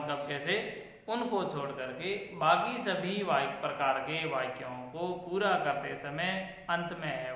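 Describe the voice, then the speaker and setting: A man teaching a grammar lesson to students, explaining slowly and repeating example sentences with stress. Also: fairly high pitch, a bit bright. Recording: very echoey room with long reverb.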